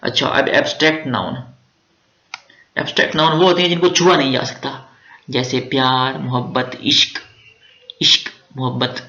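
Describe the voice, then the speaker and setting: Gravelly Pakistani man teaching grammar. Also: medium pitch, fairly even intonation, normal speed, long pauses, sharp tone. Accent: Pakistani Urdu with Punjabi touches. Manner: chatty, explains step by step, joking asides. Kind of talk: exam-prep grammar lecture. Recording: roomy, dull lo-fi recording.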